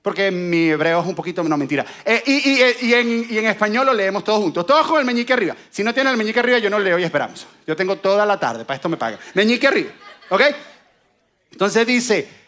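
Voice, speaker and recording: A man with a high voice preaches a sermon. He is animated and draws the congregation in with jokes. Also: very fast.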